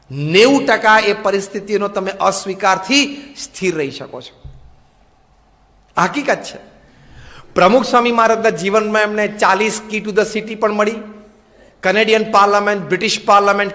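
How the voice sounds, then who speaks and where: High-voiced monk preaching in a hall. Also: male voice. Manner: storytelling with gentle humor, slow emphatic English phrases. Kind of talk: sermon. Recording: long hall reverb.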